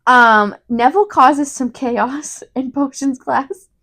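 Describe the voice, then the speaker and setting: Woman, casual book chat, lots of "like", slightly high voice, lively retelling. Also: slow. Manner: animated retelling, heavy use of "like". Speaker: podcast co-host.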